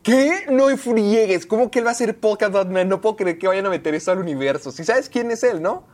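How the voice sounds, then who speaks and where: Excitable podcast co-host. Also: mid-range voice. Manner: animated, quick exclamations of disbelief. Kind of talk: casual chat.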